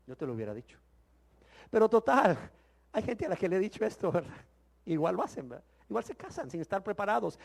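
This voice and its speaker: A man teaching the Bible in sermon style, emphatic and full of rhetorical questions, swinging from loud exclamations to hushed words. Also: sits high, gravelly.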